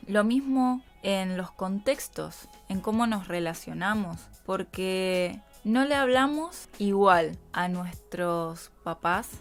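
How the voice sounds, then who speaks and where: A woman's voice: medium pitch, lively intonation, slow pace, few pauses, soft background music. A woman with an Argentine accent, a voice coach hosting a reflective solo podcast, talking conversationally and often checking in with her listeners. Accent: Argentine Spanish. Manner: conversational, frequent tag questions to listeners.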